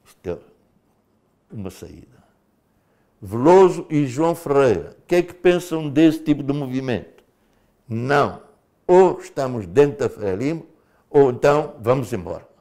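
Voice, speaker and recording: An older man from Mozambique, formerly a liberation fighter, tells his story in a studio interview in a mid-range voice. He speaks a little slowly and pauses often, yet his delivery stays animated, with frequent casual fillers.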